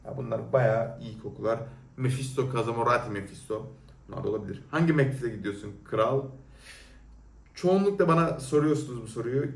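A man's voice: mid-range voice, far from the mic. A young man answering viewer questions in casual talk, blunt and teasing as he reviews perfumes off the cuff. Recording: roomy echo, a little off-mic.

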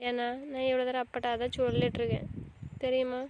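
A woman's voice: high-pitched, monotone, fast, muffled recording, background noise, natural voice. A woman playing a hurt young wife in an amateur drama, scolding and insisting. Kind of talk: amateur web drama acting.

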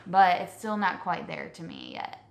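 Low-voiced woman chatting in an echoey room. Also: huge pitch swings, moderate pace, gravelly, slight background noise. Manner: chatty, many ums and likes. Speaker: vlog co-host. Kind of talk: casual chat.

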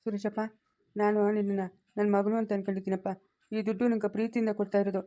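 A woman's voice: medium pitch, flat delivery, fast talker, warm tone, dull audio, natural voice. A woman playing a kindly, motherly village woman in an amateur family drama, pleading and soothing.

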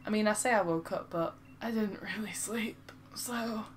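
A woman's voice: medium pitch, moderate pace, slight background noise. A woman with a Lancashire accent chatting casually on a game stream, self-mocking and reading viewers' comments aloud. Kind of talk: casual live-stream chat.

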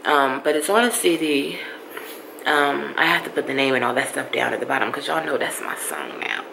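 A woman's voice: a bass voice, moderate pace, creaky. A woman chatting casually to her vlog viewers in a playful, talkative way. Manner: chatty, playful, uses "y'all". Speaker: vlogger. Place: car and shops. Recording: noisy phone recording.

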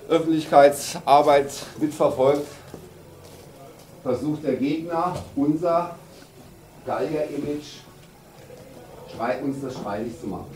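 A man's voice: medium pitch, a little mellow. Middle-aged male coach, roomy distant sound. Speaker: handball coach. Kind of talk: pre-game team talk. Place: indoor team locker room. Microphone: camera a few metres away. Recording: roomy, distant camera mic, background noise.

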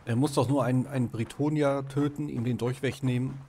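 A man casually commenting while playing a video game, speaking loudly to himself. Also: medium pitch, fairly even intonation, brisk, slight background noise. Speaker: let's play host.

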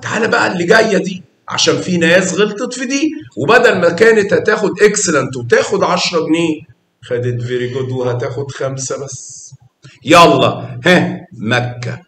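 Egyptian male teacher, lively and coaxing with small pupils; high, expressive voice; roomy classroom sound. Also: brisk. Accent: Egyptian Arabic. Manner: animated and coaxing, praising and quizzing pupils. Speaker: math teacher. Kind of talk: classroom teaching to young children.

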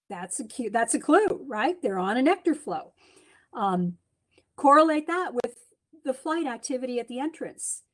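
A middle-aged woman giving a chatty slide lecture from home over a webcam, with many ums and restarts. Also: sits high. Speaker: beekeeping speaker. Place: home room, indoors. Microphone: webcam on a video call.

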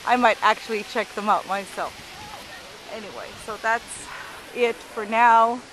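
A woman's voice: a little high, fairly even intonation, a little slow. A woman giving casual, unscripted travel narration with some hesitation, speaking from behind a handheld camera outdoors. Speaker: travel vlogger. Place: outdoors in a busy city piazza. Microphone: handheld camera, operator behind it. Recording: faint outdoor street noise.

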